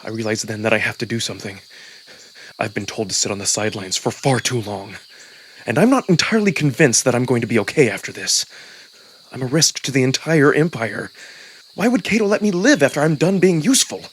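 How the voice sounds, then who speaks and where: This is a man with a mid-range, animated voice, a little fast and slightly rough. He narrates a visual novel in the first person, theatrically caught up in the story as its narrator and voice performer, while music plays underneath.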